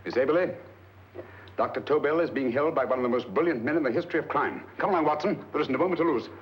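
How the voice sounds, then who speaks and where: An actor playing a brilliant, commanding detective with a crisp, incisive delivery, on a dull 1940s film soundtrack. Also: male voice, fairly high pitch, fast, a little hiss or hum, lightly acted. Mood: urgent.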